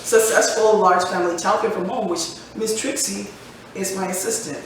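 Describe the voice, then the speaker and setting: An American woman in her forties co-hosts a podcast, chatting casually, joking and laughing often. Her mid-range voice holds a steady tone at a moderate pace. She's recorded from far off in an echoey room, with slight background noise.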